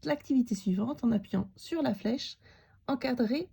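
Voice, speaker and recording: Woman teacher, children's handwriting lesson, patient letter-by-letter guidance, gravelly, husky voice. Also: fairly high pitch, dark tone. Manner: slow, guiding, spells out letters and sounds.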